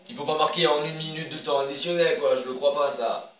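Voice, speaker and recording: A man casually commenting on his own soccer video game match, chatty and excitable, cheering on his players. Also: on the high side, brisk, reverberant, distant mic, poor audio.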